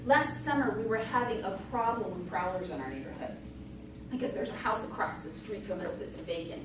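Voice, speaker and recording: Middle-aged female storyteller, higher-pitched, folksy tall-tale delivery with tongue in cheek, captured in a very echoey room. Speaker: storyteller in a tall tales contest. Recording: echoey room from far off, noisy.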